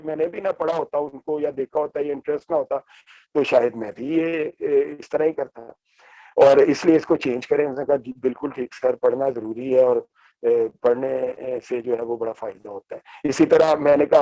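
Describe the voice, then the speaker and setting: A man giving a reflective talk full of anecdotes, pausing often with filler sounds and slipping in English terms. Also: fairly high pitch, mellow, no echo. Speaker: speaker on books and reading. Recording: dull lo-fi sound.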